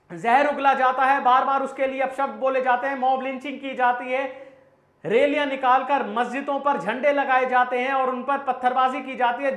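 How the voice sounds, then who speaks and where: A man's voice: very high-pitched, fairly bright tone, reverberant. A man giving an impassioned political commentary to camera, rousing and full of rhetorical questions, formally addressing his listeners as "sir".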